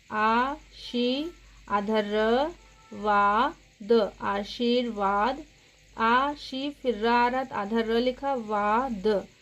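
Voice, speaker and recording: A woman teaching young children a grammar lesson, speaking patiently and spelling out words sound by sound. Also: a little high. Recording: dull lo-fi sound.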